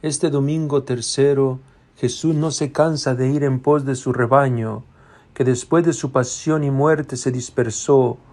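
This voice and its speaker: A man's voice: a little high, darkish tone. A man, a priest, giving an earnest homily and addressing the congregation as brothers and sisters.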